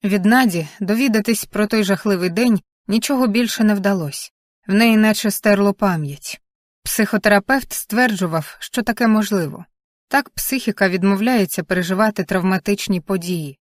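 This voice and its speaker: Audiobook narrator: woman, calm and measured, mid-range voice, dry booth sound. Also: medium pitch, no echo. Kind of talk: scripted narration.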